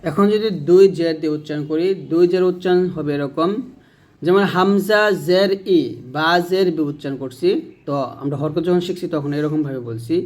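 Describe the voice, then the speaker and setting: A man teaching Quran pronunciation, slowly drilling letter sounds and explaining quickly in between. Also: a little high, a little mellow. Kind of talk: classroom-style pronunciation lesson.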